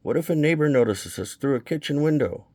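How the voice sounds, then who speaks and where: A man's voice: fairly high pitch, lively intonation, a little fast, warm tone, dry recording, pitched above the performer's own voice. A man voicing a frightened young wife who pleads anxiously with her husband. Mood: pleading.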